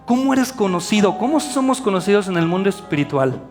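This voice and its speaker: Man, Mexican accent, middle-aged, youth preacher, chatty and animated, fairly high voice, faint music underneath. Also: fairly quick. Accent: Mexican Spanish. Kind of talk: sermon. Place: church youth service.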